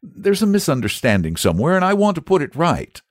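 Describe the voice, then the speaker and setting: A man's voice: wildly swooping pitch, fairly quick, no room sound, studio quality. A man voicing an earnest young boy in a raised, pleading voice. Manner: pleading and high-pitched.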